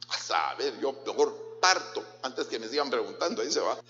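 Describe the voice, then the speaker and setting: A man's voice: medium pitch, sing-song, normal speed, pushed and bright, slight background noise. Male pastor, Guatemalan accent, playful and questioning, dull lo-fi echoey church recording. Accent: Guatemalan Spanish. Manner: questions the congregation directly, mixes in jokes. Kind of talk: sermon. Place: church hall.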